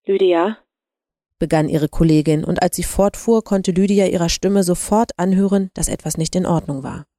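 Woman storyteller, low mellow voice, dry close audiobook read. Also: fairly quick, few pauses, dry recording. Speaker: narrator. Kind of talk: audiobook narration.

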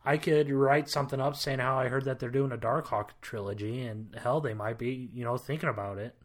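A man co-hosting a podcast in casual chat, his voice of middling pitch. He sounds wry and grumbly, with a self-aware curmudgeonly tone. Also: steady tone, fairly quick. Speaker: podcast co-host.

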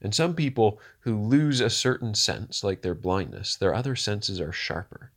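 Man, preacher, sermon, fairly low voice, hushed to loud swings, rhetorical questions. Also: lively intonation, moderate pace.

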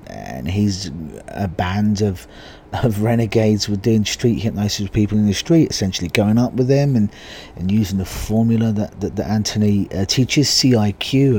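A man hosting a podcast in a casual monologue, his voice husky and giving out as he speaks. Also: on the low side, dark tone, slight background noise. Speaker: podcast host.

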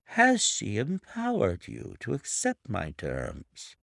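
A man's voice: medium pitch, wildly swooping pitch, takes it slowly, vocal fry, a bit bright, no room sound, clean studio sound, pitched above the performer's own voice, exaggerated voice. A man voicing a smug, middle-aged male blackmailer with an oily, mock-sympathetic manner in an audiobook reading.

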